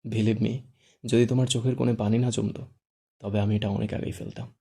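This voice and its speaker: A man's voice: on the low side, flat delivery, brisk, creaky, dark tone, husky. A man doing a cocky, teasing young man. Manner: cool, teasing and playful.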